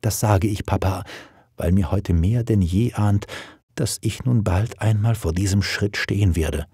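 A man voicing a shy, tender eighteen-year-old girl at her first ball, speaking softly and pleadingly, sometimes in a whisper. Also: rumbling low, measured pace, breathy edge, no room sound, studio quality, full character voice.

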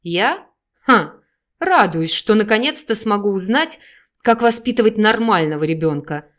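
A woman voicing a cruel, bitter middle-aged mother who shouts with scorn and hatred in an audiobook. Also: medium pitch, expressive, brisk, close to an everyday voice. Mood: scornful.

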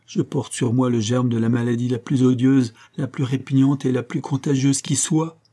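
A frantic, terrified young woman begs and cries out in a raised, strained voice, as a male narrator puts her on. The tone stays dark and a little husky under the pleading. It is read as a scene in an audiobook. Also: mid-range voice, normal speed, pitched above the performer's own voice, natural voice. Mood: sobbing dread.

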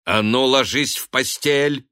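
A man's voice: on the low side, very animated, takes it slowly, fairly bright tone, no echo, studio quality, full character voice. A man doing a stern, commanding daughter.

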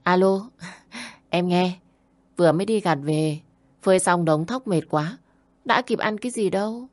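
A woman's voice: lowish voice, unhurried, a little mellow, lightly acted. A woman voicing a scheming young daughter-in-law who sweet-talks on the phone and hisses through her teeth when angry. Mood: sugary.

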